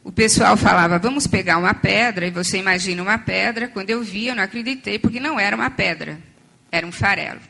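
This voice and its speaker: Her voice strained and hoarse, almost gone, a woman on an addiction-treatment panel still sounds bright and sharp at medium pitch. Speaking in a conference hall during an academic talk, she explains step by step, pausing on fillers and restarting sentences.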